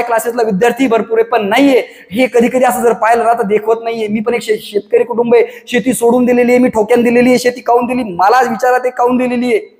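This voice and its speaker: A fiery man rants at a quick clip, firing off rhetorical questions in a very high voice. He is recorded in an echoey room with a long reverb tail. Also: a little mellow. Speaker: coaching class owner giving advice. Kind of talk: impassioned monologue to camera.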